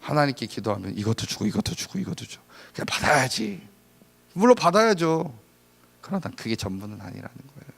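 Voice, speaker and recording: A male pastor giving a lively sermon, acting out little scenes in different voices. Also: mid-range voice, a little fast, gravelly. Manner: animated, acts out little scenes.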